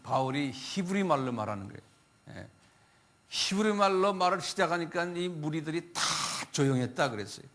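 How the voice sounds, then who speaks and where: A man with a fairly high voice gives a Bible lecture as a pastor. His pitch swings widely as he tells the story with animated flair. He talks to his listeners conversationally and keeps asking them questions. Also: normal speed. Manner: animated storytelling, acting out biblical quotes; conversational, asks the audience questions.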